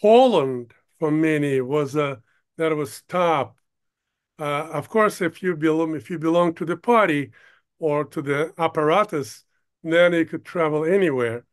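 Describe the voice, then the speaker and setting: An older man from Ukraine, a producer, talking as an interview guest in a halting way, stopping often to search for words. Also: a little high, clean tone. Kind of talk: casual interview talk.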